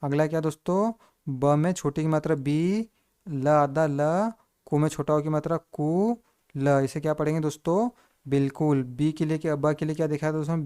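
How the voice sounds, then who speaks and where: Calling the listeners friends over and over, a teacher leads a step-by-step spelling lesson built on asking questions and then answering them. The voice has a medium pitch, a dark tone and a smooth quality.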